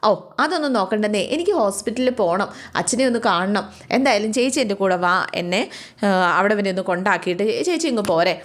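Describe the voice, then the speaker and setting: An eager young schoolgirl pleads in a high, childlike voice, as a woman storyteller puts her on. She talks quickly, with the words tumbling out. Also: expressive, lightly acted. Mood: pleading.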